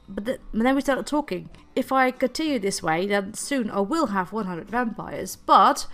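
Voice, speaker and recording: A gaming video creator chats casually about her game, her mid-range voice slightly bright and nasal as she recovers from laryngitis. She laughs often, hesitates, repeats words, and stalls. Faint music plays in the background.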